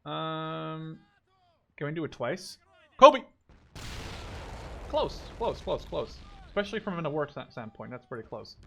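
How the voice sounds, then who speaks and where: This twenty-something man from the Netherlands, a gaming YouTuber, speaks at a fairly high pitch with big swings, unhurried and creaky, leaving long pauses. His let's-play talk is loose and rambling, full of thinking aloud and casual swearing, over slight background noise.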